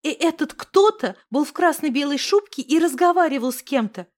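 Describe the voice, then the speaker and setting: A woman narrating a first-person story in a lively, wry manner. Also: high voice, normal speed.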